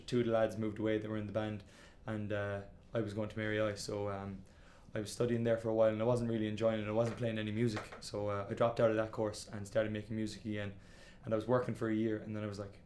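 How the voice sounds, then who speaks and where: A man's voice: lowish voice, flat delivery, fast talker, few pauses, a little mellow, slight background noise. A man in his twenties with an Irish accent, the band's singer, telling his story in a casual interview full of fillers like "kinda" and "like.". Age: 20s. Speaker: band singer and guitarist.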